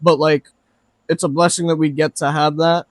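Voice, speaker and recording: Podcast host guy, kinda high voice, rambly chat, swears a lot, dry close mic. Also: level tone, normal speed, no echo. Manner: rambling, swears freely, says bro a lot.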